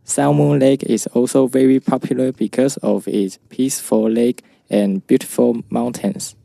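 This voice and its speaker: Brief: teen co-host from Taiwan, slow scripted reading, heavy fry. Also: male voice, mid-range voice, fairly even intonation, mellow, no echo. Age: teens. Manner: reads from a script. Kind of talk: scripted school podcast hosting.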